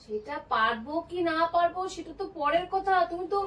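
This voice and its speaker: A woman's voice: very high-pitched, lively intonation, brisk, fairly bright tone. A woman acting a worried wife in a short family drama, insistent and pleading as she questions. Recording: distant mic, faint room noise.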